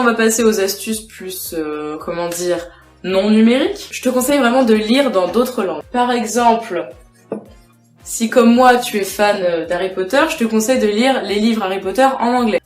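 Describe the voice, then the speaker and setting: A young woman chats straight to her viewers, sharing tips in a relaxed vlog. Her voice sits at a middle pitch. The room rings with a noticeable echo, and faint music plays under her. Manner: chatty, addresses viewer directly. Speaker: vlogger. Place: indoors at home with a cat.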